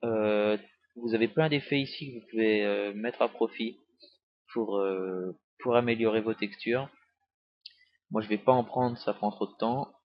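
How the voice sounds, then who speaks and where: A young man giving a casual software tutorial, rambling with many hesitations and small jokes, recorded on a cheap desktop mic. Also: fairly low pitch. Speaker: tutorial maker. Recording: dry, dull lo-fi home recording.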